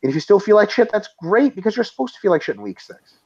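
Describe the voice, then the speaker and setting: A man's voice: sits high, very animated, quick pace, darkish tone, slightly rough. Blunt swearing guy answering questions on a webinar, bouncy up and down delivery, dull lo-fi sound. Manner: blunt, emphatic, swears freely. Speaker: co-host answering listener questions. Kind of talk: casual webinar Q&A.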